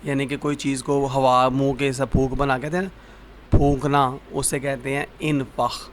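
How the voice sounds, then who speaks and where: A man teaching vocabulary, repeating each word slowly and asking the listener what it is called. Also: medium pitch, level tone, slight background noise. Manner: slow, repetitive drilling of words. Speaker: Arabic teacher. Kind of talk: vocabulary lesson.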